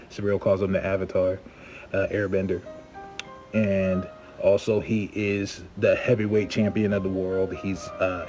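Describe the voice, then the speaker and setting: Laid-back low-voiced man over music. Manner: easygoing, filler-heavy, enthusiastic. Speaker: comic book writer. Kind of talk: casual pitch to camera. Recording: music playing underneath.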